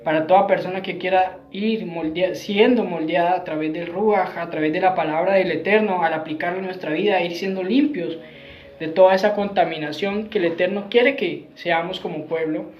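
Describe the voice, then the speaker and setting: In a dull, roomy, lo-fi recording with faint music behind him, a Messianic preacher delivers an earnest Bible teaching. His high-pitched voice holds a steady tone at normal speed, and he repeats phrases and often ends with tag questions.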